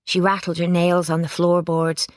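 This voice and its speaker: A woman's voice: on the low side, moderate pace, no echo, clean studio sound. Woman reading a storybook. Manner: lively character voices, plain narration. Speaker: audiobook reader. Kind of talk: storybook narration.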